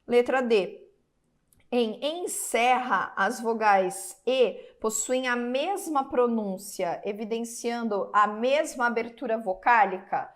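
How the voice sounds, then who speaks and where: A Brazilian woman teaching an online exam-prep class, her voice sitting a bit high. She talks slowly and draws out each example word, stopping often to check that her students follow. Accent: Brazilian Portuguese. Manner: stretches out example words syllable by syllable. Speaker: Portuguese teacher.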